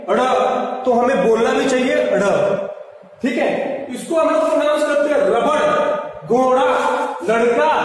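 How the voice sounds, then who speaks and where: A man with a very high voice teaches pronunciation, patiently sounding out words one by one and addressing his viewers as friends. He is heard from far off the mic in a strongly echoing room with a long reverb tail. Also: slight background noise. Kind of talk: pronunciation lesson.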